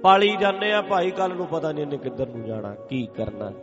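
A man's voice: on the high side, steady tone, brisk, long reverb tail, dull audio, over music. A man preaching a sermon, driving points home by repeating them and breaking into chanted scripture verses. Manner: emphatic, repetitive, breaks into chant. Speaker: Sikh preacher. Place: gurdwara stage in a hall.

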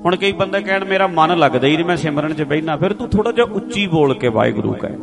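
A man giving a slow, explanatory religious sermon, now and then chanting rhythmically. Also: fairly high pitch, expressive. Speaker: Sikh preacher. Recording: music clearly behind the voice. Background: instrumental music.

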